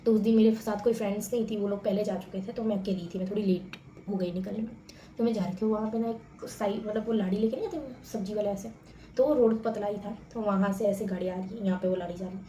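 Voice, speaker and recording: Storytelling casually to her viewers, a young woman vlogger speaks quickly and chattily in an animated, familiar manner. Her medium-pitched voice is mellow and dark, and the room echoes with a faint background hum.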